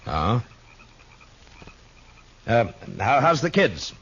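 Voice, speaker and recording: An actor playing a calm, steely frontier marshal, terse and grave, speaking and narrating in an old radio drama. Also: male voice, medium pitch, drawn-out words, slightly rough, heavily acted. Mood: guardedly polite. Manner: terse, grave, plain-spoken. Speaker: lead character and narrator. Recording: dull old radio recording.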